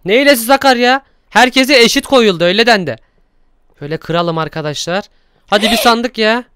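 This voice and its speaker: A young man hosting Minecraft gameplay commentary, excitable and exclaiming often as he talks to viewers. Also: high-pitched, fairly quick, smooth, no echo, studio quality. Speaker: gaming YouTuber host.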